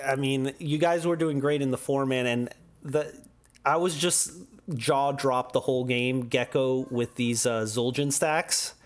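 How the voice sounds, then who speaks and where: A man's voice: medium pitch, steady tone, a little slow. A man hosting a casual post-match interview, upbeat and asking players about their choices. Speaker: esports caster interviewing players.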